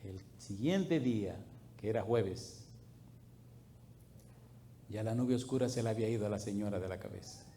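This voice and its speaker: A middle-aged male pastor preaching a sermon through lively, colloquial anecdotes, breaking into loud, high bursts. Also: moderate pace, pauses often, slight background noise. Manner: animated, colloquial storyteller who swings into loud, high bursts. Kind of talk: storytelling sermon.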